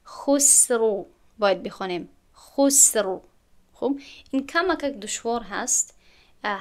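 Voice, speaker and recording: A woman with a Tajik accent teaching Quran recitation rules step by step, asking rhetorical questions and slowly chanting the example words. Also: fairly high pitch. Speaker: tajwid teacher.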